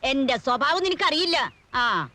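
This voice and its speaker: A woman's voice: high voice, big pitch swings, unhurried, sharp tone, no echo, full character voice. A feisty, bossy grandmother. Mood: indignant. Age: older. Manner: scolding, commanding. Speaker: grandmother who owns the house. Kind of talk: 1980s film drama.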